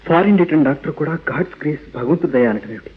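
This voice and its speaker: A man's voice: a little high, expressive, rapid-fire, slightly rough. An actor with a Telugu Indian accent playing a rationalist young father in an old radio drama, speaking emphatically and theatrically with English words mixed in. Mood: firm, reasoning. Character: rationalist young father, atheist, anguished over his son. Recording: tinny narrow-band old radio recording.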